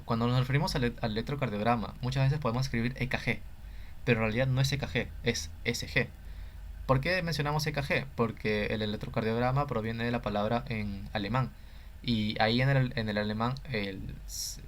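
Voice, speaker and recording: A man with a Peruvian Spanish accent giving a recorded lecture on scientific writing, talking hesitantly with frequent fillers and self-corrections. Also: mid-range voice.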